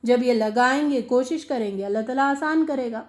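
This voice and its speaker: A woman giving a religious lesson on Quran recitation, earnest and questioning, repeating phrases for emphasis and mixing in English words. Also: sits high. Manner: mixes English words into speech. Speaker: Quran teacher. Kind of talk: religious lecture.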